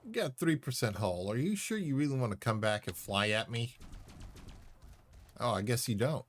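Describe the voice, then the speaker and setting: A man streams a space game, chatting casually, rambling and talking back to the game as he plays. His medium-pitched voice is expressive and moves at a moderate pace.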